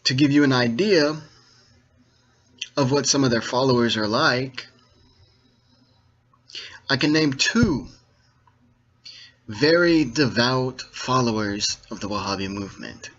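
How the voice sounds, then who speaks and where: Guy lecturing viewers in a kinda muffled lo-fi recording, deliberate choppy phrasing, leans hard on key words, explains stuff like a teacher. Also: mid-range voice, fairly bright tone. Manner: didactic, checks that listeners follow. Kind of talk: informal monologue to viewers, lecturing. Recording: dull, lo-fi sound.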